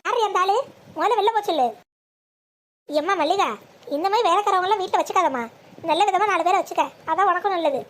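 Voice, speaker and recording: A woman voicing a quarrelsome old mother-in-law in a cartoon, sharp-tongued and scolding. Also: very high voice, fast talker, pauses often. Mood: indignant. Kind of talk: cartoon voice acting.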